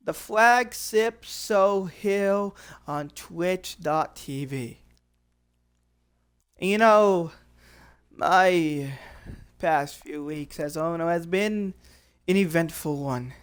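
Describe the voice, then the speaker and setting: A performer playing a cocky male wrestling company owner, cutting a boastful in-character promo with drawn-out dramatic pauses. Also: mid-range voice, smooth.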